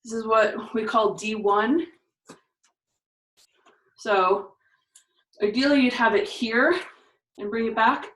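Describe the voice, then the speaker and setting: Recorded far from a camera mic in an echoey space, a woman demonstrates a workout, talking through every move and counting reps while slightly winded. Her somewhat high, fairly bright voice stays fairly even, moving slowly with long pauses.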